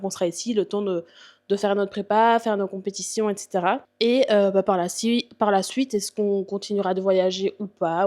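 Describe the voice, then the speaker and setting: A woman's voice: mid-range voice, darkish tone. Chatty Belgian woman vlogging at home. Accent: Belgian French. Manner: chatty, frequent fillers and restarts, laughs. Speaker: vlogger and bodybuilding coach. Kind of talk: casual chat answering viewer questions. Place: apartment.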